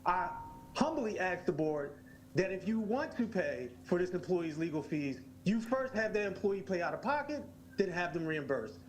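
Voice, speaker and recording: A man giving a public comment at a school board meeting, halting with many fillers, then earnestly pleading with the board. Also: high voice, sing-song, a little hiss or hum, low-quality recording.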